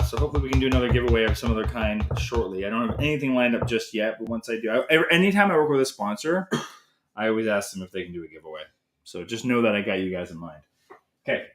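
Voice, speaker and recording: A man hosting a live cooking stream from his home kitchen, talking casually and rambling as he works. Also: medium pitch. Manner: chatty, rambling, self-correcting. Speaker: cooking show host. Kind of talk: casual live cook-along chat. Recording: echoey kitchen with noisy background.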